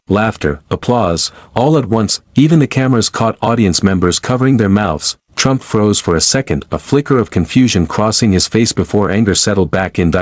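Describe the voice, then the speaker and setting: A man narrating a dramatic scripted story at a steady storyteller's pace. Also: on the low side, dry recording.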